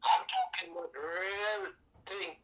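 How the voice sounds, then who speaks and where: An older man with a Trinidad and Tobago accent, telling stories as a calypso singer being interviewed, folksy and animated. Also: sits high, slow, rough recording. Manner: folksy and animated, sings out sound effects. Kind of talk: storytelling interview.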